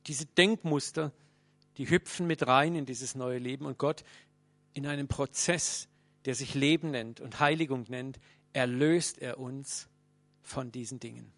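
In a dry recording, a man delivers a sermon, addressing his listeners earnestly and directly as his volume swings between loud and hushed. His voice sits at a medium pitch and moves a little slowly.

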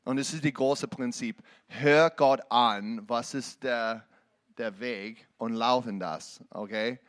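Slow-speaking preacher, halting German. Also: male voice, mid-range voice. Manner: halting non-native German, emphatic. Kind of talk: preaching with a testimony.

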